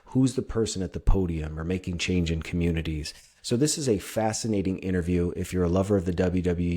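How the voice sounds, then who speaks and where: A man's voice: low voice, a little mellow. A man in his thirties hosting a podcast interview, talking in a chatty, enthusiastic way with some fillers. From upstate New York. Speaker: podcast host.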